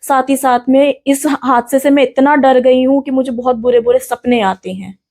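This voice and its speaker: Young woman with a high, mellow voice. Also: steady tone, normal speed. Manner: earnest, detailed, with restarts and English words mixed in. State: in pain and frightened. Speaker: interviewee, victim of an assault. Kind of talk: recounting an incident in an interview.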